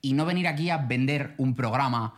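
A man from co-hosting a podcast in casual chat, telling stories with lively voiced asides. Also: medium pitch, brisk. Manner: animated storytelling, voices other people in quotes. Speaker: podcast co-host.

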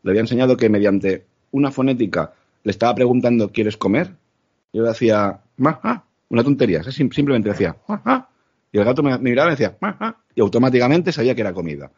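Fast-talking husky low-voiced man. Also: expressive. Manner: rapid, forceful explanations with swearing. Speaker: podcast guest, podcaster. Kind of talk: casual conversation. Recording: muffled lo-fi sound.

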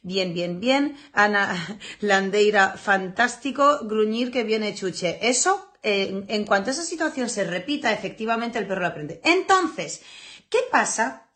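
A woman teaching a dog training class, animated and blunt, swearing freely and acting out scenes as she explains. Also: mid-range voice, a little slow. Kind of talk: lively spoken lesson.

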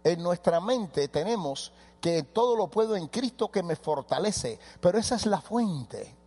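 A male pastor preaching a sermon, with sudden loud rises and quick asides. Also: high voice, lively intonation, husky, long reverb tail.

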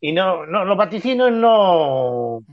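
Man, Spain Spanish accent, podcast co-host, rambling, jokey, fairly high voice, dry lo-fi sound. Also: big pitch swings, slow pace. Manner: rambling, jokey, trails off mid-sentence. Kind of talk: casual chat.

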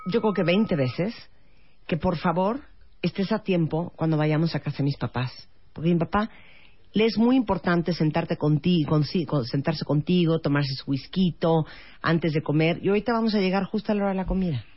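A woman with a Mexican accent playing a frustrated wife who calmly repeats her complaint in a staged argument. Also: fairly low pitch, moderate pace, breathy edge, highs cut off. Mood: hurt, insistent. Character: hurt, frustrated wife, calm but insistent.

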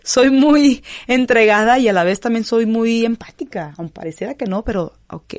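A young adult woman from Mexico with a Mexican accent, a professional footballer answering interview questions in an expressive, animated way. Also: on the low side, vocal fry, no echo. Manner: expressive, animated storytelling with quick asides.

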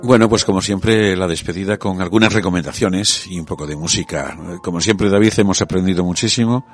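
A man hosting a radio talk show, speaking in a relaxed, conversational way with frequent hesitations. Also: sits low, fairly quick, music in the background.

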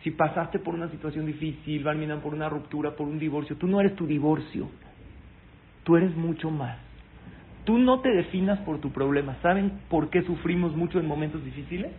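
A man giving a sermon, telling stories in an animated way and asking his audience questions. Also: a little high, moderate pace. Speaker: rabbi giving a talk. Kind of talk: live-streamed sermon with storytelling. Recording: tinny phone-like sound, faint noise.

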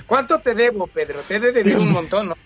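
Friendly joking guy guest, pretty high voice, very affectionate. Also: animated, a little fast, faint music behind. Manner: warm, affectionate, playful. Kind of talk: casual interview chat.

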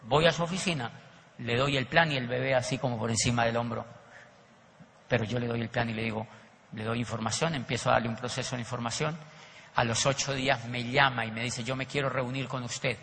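Animated, gravelly man. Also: medium pitch, brisk, long reverb tail, slight background noise. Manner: animated storytelling, acting out voices. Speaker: network marketing speaker. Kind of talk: motivational seminar talk.

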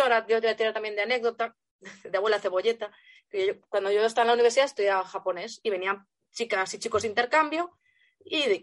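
A woman's voice: fairly high pitch, dry recording. A woman with a Spain Spanish accent, co-hosting a casual podcast discussion in an assertive, opinionated way. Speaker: podcast co-host.

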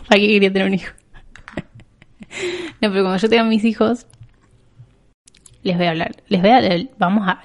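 A woman's voice: mid-range voice, darkish tone. A young woman with an Argentine accent, hosting her podcast in a rambling, self-mocking casual chat. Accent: Argentine Spanish. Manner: chatty, rambling, self-mocking with frequent laughs. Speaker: podcast host.

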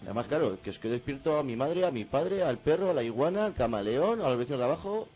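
Young guy on a radio comedy show, fast and swearing, voice bouncing high and low, bit of music behind. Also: expressive, breathy edge, dull audio. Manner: loud, exaggerated, swears constantly. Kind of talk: joking radio banter.

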